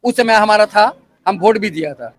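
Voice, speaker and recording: A man's voice: high voice, fairly bright tone. A man waiting in a long queue outdoors, complaining angrily about repeated paperwork. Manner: angry complaining, rapid grievances. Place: outdoors on a street.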